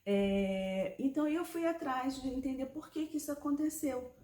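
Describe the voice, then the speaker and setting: A woman's voice: sits high, normal speed, warm tone. Woman in her forties, chatty health vlog. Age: 40s. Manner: conversational, explanatory, with frequent tag questions. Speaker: vlogger. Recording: echoey room.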